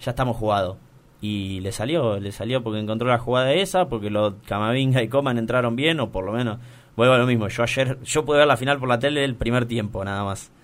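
A young man with an Argentine accent tells the story of a football final in a relaxed, chatty way. His voice sits at an ordinary pitch, and he keeps restarting his sentences as he relives the moment. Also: brisk. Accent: Argentine Spanish. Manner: animated storytelling with many restarts. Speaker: guest recounting attending a football final. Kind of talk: casual chat.

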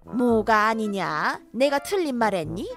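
A woman's voice: a little high, sing-song, unhurried. A woman voicing a domineering older mother-in-law who scolds sharply and favors her grandson, in a cartoon drama. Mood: scolding. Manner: scolding, sharp, rising to shouts. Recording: faint background music.

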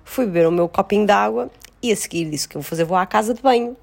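In casual chat, a woman with a European Portuguese accent insistently and expressively tells her side of a story. Her voice is mid-range and gravelly, and she talks fast.

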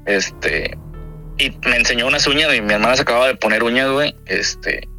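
A young man with a Mexican accent tells a story in loose, slangy podcast chat, cursing freely and dropping "güey" into nearly every line. His voice is very bright and forward, and faint music sits underneath it. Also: medium pitch, fairly quick. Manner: slangy, swearing, says "güey" constantly. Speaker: podcast guest. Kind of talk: casual storytelling.

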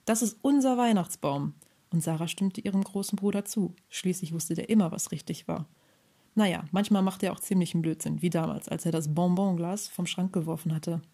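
A woman calmly reading a children's Christmas story aloud in a gentle storybook manner, with a husky voice. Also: lowish voice, a little fast.

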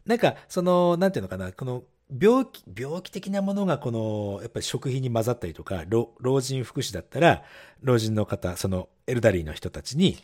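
A man's voice: mid-range voice, sing-song, brisk, a little mellow. A man co-hosting a casual podcast, reading listener letters, laughing often and explaining English phrases. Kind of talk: casual bilingual chat.

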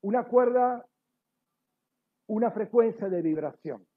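A man's voice: sits high, lively intonation, slow pace. A man teaching a sermon, explaining words one by one, correcting himself often and checking with his listeners. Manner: frequent self-corrections and apologies. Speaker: Bible teacher. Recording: tinny phone-like audio.

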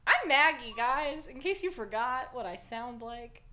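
A woman's voice: high-pitched, expressive, measured pace, pushed and bright. A woman co-hosting a podcast, chatting casually with a slight twang and frequent giggles. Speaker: podcast co-host. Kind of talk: casual chat.

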